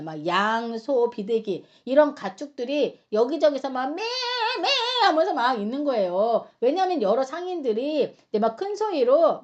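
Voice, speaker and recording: A woman teaching a Bible study lesson with high, very lively intonation. She tells the story dramatically, with chatty asides to her listeners. The recording is slightly dull and lo-fi. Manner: animated storytelling with dramatic acted-out quotes.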